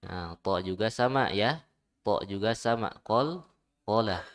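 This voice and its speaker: A man's voice: on the low side, lively intonation. A man teaching Quran recitation, modeling each syllable and patiently correcting pronunciation. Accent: Indonesian. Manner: repeats syllables slowly and corrects gently.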